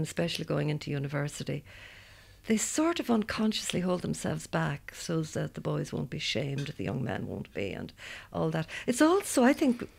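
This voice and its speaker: Outspoken Irish woman, 70s, low and gravelly, talkative roundtable guest. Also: a little mellow. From Ireland. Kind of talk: casual discussion.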